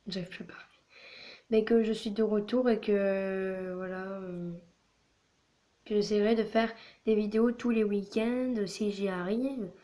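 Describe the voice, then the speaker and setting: Rambling hoarse French-speaking woman. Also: medium pitch, warm tone. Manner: rambling, full of filler words. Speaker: channel host. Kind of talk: casual gaming vlog chatter.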